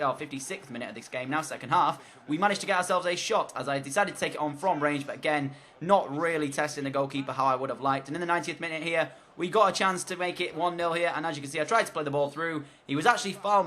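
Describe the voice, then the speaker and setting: A gaming commentator narrates his football video game match in a voice-over, hoarse because he's losing his voice. He rambles through a chatty play-by-play full of fillers, his pitch fairly high and his tone bright and forceful.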